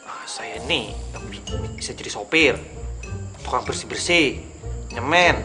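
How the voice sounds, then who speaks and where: A man's voice: medium pitch, lively intonation, a little slow, over music, lightly acted. An actor playing a humble, eager young working-class man in a TV comedy-drama. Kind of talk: scripted TV comedy-drama acting.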